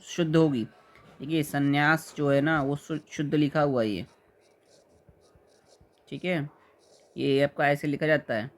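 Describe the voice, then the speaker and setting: A man teaching a spelling lesson to exam students, patiently explaining and repeating words slowly while checking that they follow. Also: fairly high pitch.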